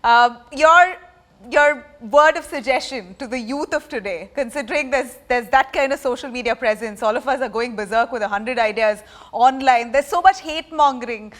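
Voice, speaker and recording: A woman's voice: on the high side, normal speed, fairly bright tone. A woman with an Indian accent asking questions as the interviewer in a casual celebrity chat.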